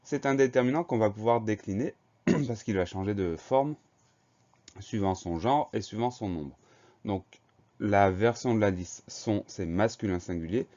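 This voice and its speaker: Patient low-voiced man teaching spelling. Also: moderate pace, mellow, lo-fi sound. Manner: spells words letter by letter, explains patiently. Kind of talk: spelling lesson for children.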